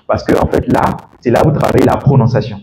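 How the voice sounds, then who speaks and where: A man leads a classroom lesson with a mellow, relaxed voice, checking in with his students and laughing along the way. The room is echoey and there is a faint hum of noise behind him. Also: medium pitch, quick pace. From Ivory Coast. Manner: lively, asks the class questions, laughs often. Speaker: English teacher. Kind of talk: classroom masterclass.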